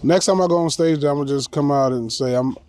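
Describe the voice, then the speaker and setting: A man's voice: on the high side, fast talker, a little mellow. A man, a stand-up comedian, chatting casually and loosely with slang while fishing outdoors. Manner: loose, slangy, laughs easily. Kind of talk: casual chat.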